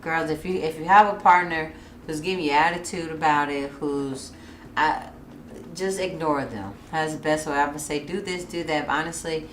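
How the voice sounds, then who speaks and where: A woman's voice: low voice, fairly even intonation, moderate pace, roomy sound, a little hiss or hum. A pregnant woman in her thirties hosting a podcast, talking frankly and casually with bursts of laughter. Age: 30s. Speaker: podcast host. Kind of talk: candid casual chat.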